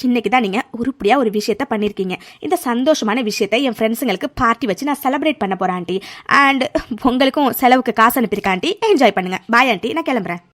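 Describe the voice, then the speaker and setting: A woman's voice: a little high, fast, a bit bright, pitched below the performer's own voice, natural voice. A woman voicing a spoiled, scheming young woman who gloats and mocks. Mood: gloating. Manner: gloating, mocking.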